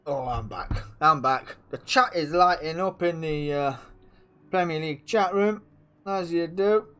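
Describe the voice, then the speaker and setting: A man with a croaky, sore-throated voice, chatting casually as host of a racing league stream and talking to himself while he sets things up. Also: a little high, a little slow, bright, forceful tone. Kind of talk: casual live-stream race commentary.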